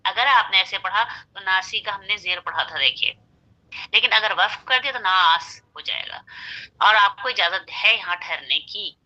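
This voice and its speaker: A woman's voice: medium pitch, moderate pace, pushed and bright, dull audio. A woman teaching Quran recitation, patiently spelling out syllables and repeating them.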